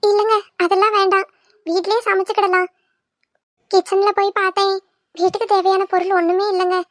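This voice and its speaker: A woman's voice: extremely high pitch, little pitch movement, fairly quick, dry recording, clean studio sound. A woman voicing a cunning young wife who sweet-talks and pleads, for a cartoon. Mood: wheedling. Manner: wheedling, pleading, sugary. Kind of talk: cartoon voice acting.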